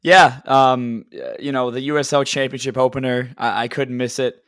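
A young man speaks as a guest on a soccer podcast in a medium-pitched voice. His talk is casual and loose, peppered with "like" and "you know". The sound is dry, with little room echo. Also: steady tone, normal speed, a bit bright. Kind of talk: casual chat.

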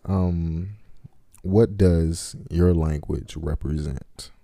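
A man's voice: low-pitched, fairly even intonation, drawn-out words, dark tone, no room sound, clean studio sound. A man with a slightly Southern Maryland accent, chatting informally and often searching for his words. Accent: Maryland, slightly Southern American. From Maryland, United States. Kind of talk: casual conversation.

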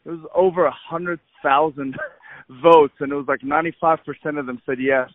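A man in his thirties from Egypt, a podcast guest telling his story in eager, animated casual chat, with plenty of uhs and likes. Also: on the high side, normal speed, no echo. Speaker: podcast guest, fitness trainer. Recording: tinny phone-line audio, dry.

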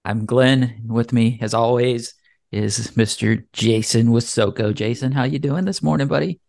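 A man's voice: mid-range voice, normal speed, gravelly, a little mellow, dry recording, clean studio sound. A man hosting a podcast in an easygoing, casual chat with his co-host.

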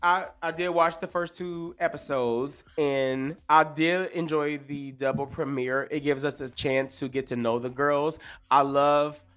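A man's voice: a little high, fairly even intonation, a little slow, fairly bright tone. A man co-hosting a casual podcast, giving opinions in slangy drag-scene phrases. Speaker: podcast co-host.

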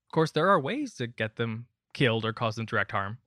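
A man's voice: medium pitch, very animated, brisk, sharp tone, dry recording. Man hosting, dry close sound. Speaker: podcast co-host. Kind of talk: casual gaming podcast chat.

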